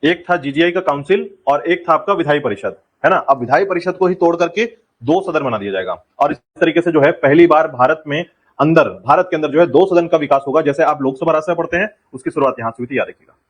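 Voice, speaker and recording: Man, exam-prep lecture, quick delivery, raised pitch, repetitive reminders. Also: rough recording. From India. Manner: repetitive, drills key points, keeps saying remember. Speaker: teacher.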